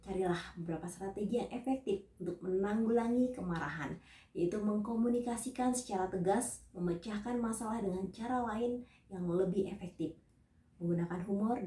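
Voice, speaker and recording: A woman evangelist giving a scripted teaching sermon, reading out numbered points and Bible verses in a measured way. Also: mid-range voice, warm tone, echoey room, recorded from a distance.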